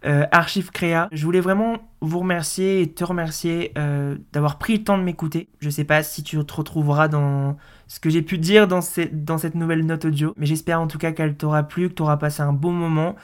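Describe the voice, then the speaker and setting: Brief: woman in her twenties, deep for her sex, relaxed rambling podcast host. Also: brisk. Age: 20s. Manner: relaxed, chatty, many fillers. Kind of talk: casual audio note monologue.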